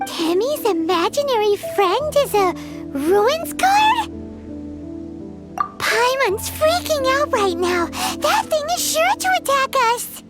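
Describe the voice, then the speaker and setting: A tiny fairy companion from a video game with a very high, childlike voice. The pitch leaps about excitably, cute and easily spooked. Music plays loudly behind it. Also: female voice, takes it slowly, exaggerated voice. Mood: alarmed. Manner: speaks of herself in third person, exclaiming. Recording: loud music under the voice.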